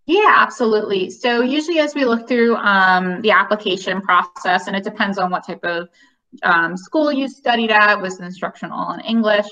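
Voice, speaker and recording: Speaking at a normal speed over a webcam on a video call, a young college admissions staffer fields webinar questions with friendly explanations and plenty of filler words. Her voice sits in the mid range with a sharp tone, and the recording is rough.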